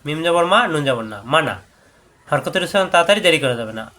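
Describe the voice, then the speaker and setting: A man whose first language is Bengali, teaching Quran recitation rules, drawing out each example word slowly and then explaining the rule briskly. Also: on the high side, lively intonation, pushed and bright. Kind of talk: tajweed lesson.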